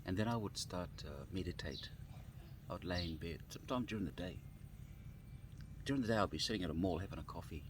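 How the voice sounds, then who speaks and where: A man with a very low voice tells a personal story outdoors. He talks in a halting, unhurried way and often restarts or repeats his phrases. Faint birdsong and outdoor ambience sit quietly behind him. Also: noisy background. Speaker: vlogger. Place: outdoors on grass.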